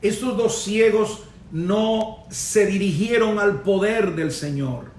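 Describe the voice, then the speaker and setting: A man's voice: sits high, slow, darkish tone, reverberant, distant mic, slight background noise. A male pastor preaching a sermon with emphatic delivery, punctuated by amens and hallelujahs.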